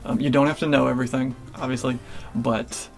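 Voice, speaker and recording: Young male nurse vlogger, gravelly and flat, easygoing with lots of ums, soft music under him. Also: medium pitch, brisk. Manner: relaxed, filler-heavy, restarts. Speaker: nurse answering viewer questions. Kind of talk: casual Q&A vlog.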